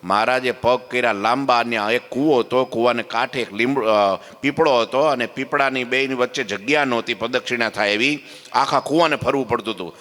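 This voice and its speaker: A man telling a devotional story in a sermon, animated, acting out the voices of the people in it. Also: mid-range voice, a little fast, long reverb tail. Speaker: katha preacher.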